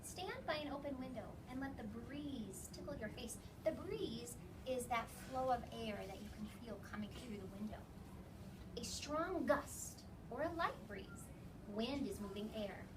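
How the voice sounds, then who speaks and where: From across a noisy classroom, a distant mic picks up a high-pitched elementary school teacher reading aloud to young children at normal speed. She keeps it instructive, checking their understanding with questions and saying "okay" often.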